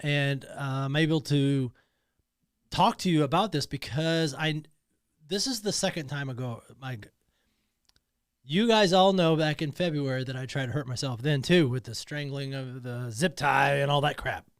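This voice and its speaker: Alone in a podcast studio, a host delivers a personal monologue in a medium-pitched voice at a moderate pace, with no room sound. He is emotional and emphatic and often repeats himself.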